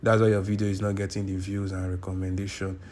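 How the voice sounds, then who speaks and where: This Nigerian tutorial maker has a deep, slightly mellow voice, a level tone, and a fast way of talking. Recording a YouTube screen tutorial at his computer indoors, with slight background noise, he's insistent and repetitive and corrects his own words.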